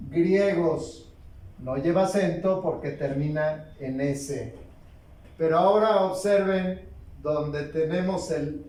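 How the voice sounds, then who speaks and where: A male teacher with a slightly high voice works slowly through a grammar lesson. He asks his own questions and answers them with measured pauses. He sounds set back from the mic in a room with a lot of echo. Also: darkish tone, far from the mic.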